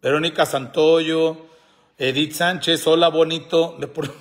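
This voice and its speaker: Casting note: middle-aged man, slightly high voice, banters and laughs while reading comments. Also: steady tone, a little slow. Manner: joking, laughs often, reads comments aloud. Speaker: host. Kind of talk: casual live chat.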